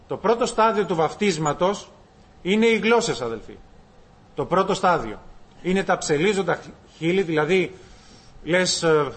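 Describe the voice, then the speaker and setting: A man preaching a sermon, addressing his listeners as brothers and swinging between loud bursts and softer asides. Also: high voice. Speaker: pastor.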